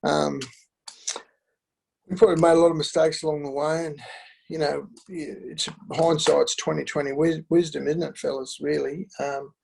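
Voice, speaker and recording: A middle-aged man telling his family story in an interview, halting and candid, with many fillers and restarts. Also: fairly high pitch, level tone, vocal fry, a little mellow, slight background noise, poor audio. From Australia. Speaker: interview guest.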